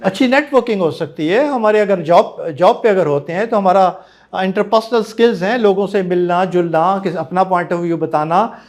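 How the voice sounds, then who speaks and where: A trainer with a Pakistani accent coaches a class in a noticeably high, darkish voice at a moderate pace. He offers encouraging feedback and mixes English phrases into his Hindi-Urdu.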